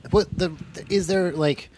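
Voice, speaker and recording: A man's voice: sits high, fairly even intonation, slow pace, a little mellow, slightly rough. Rambling podcast co-host man. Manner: rambling, thinking aloud with many fillers. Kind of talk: casual podcast chat.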